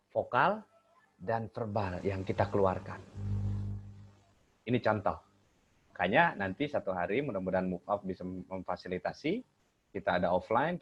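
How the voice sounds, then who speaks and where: A man coaching on communication over a webinar, explaining points and animatedly acting out how tone and gesture change meaning. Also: slight background noise. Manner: animated, swings pitch to illustrate intonation. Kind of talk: webinar teaching with spoken demonstrations. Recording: muffled lo-fi online call audio.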